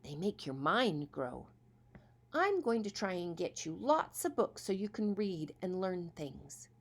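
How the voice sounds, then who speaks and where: Woman doing a stepmother, cheery, bustling, firm, storybook, lively. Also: on the low side, a little slow, full character voice. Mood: scolding. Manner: bright and bustling. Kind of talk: storybook reading.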